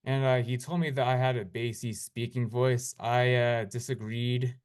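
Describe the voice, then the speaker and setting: A man's voice: mid-range voice, normal speed. Man hosting a casual interview. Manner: relaxed, with frequent uh fillers. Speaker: host.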